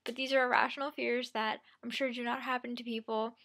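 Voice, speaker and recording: Young woman chatting casually, slightly high voice. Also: flat delivery, brisk, creaky, a bit bright. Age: young adult. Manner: rambling, self-deprecating, quoting herself and others. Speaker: vlogger. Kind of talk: casual chatty personal storytelling.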